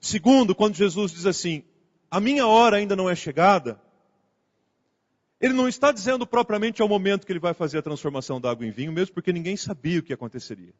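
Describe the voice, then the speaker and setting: A man's voice: high-pitched, quick pace. A male pastor giving a conversational sermon, acting out the quoted dialogue as he goes. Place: church sanctuary. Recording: muffled sound with long hall reverb.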